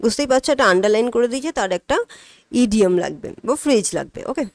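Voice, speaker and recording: A fairly high-voiced woman talks through exam questions as a tutor. She asks questions and answers them herself, slowing right down whenever she reads out the English sentences. The recording is dry and close, with no room sound. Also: sing-song, dry recording. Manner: explains step by step, asks and answers her own questions, reads English items slowly. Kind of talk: spoken exam-prep lesson.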